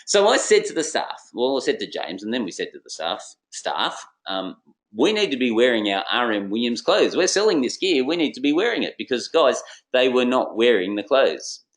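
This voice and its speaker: Animated man telling a business story. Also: normal speed. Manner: lively, theatrical, acts out dialogue with swinging pitch. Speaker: business consultant. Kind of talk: animated storytelling presentation to an audience.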